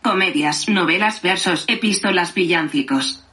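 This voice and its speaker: A woman's voice: lowish voice, moderate pace, sharp tone. A synthetic female voice assistant reads encyclopedia facts aloud in an informative way.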